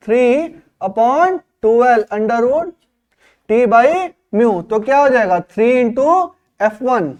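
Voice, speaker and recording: A man's voice: very high voice, a little mellow. A male physics teacher, lecturing a class and answering his own questions as he goes.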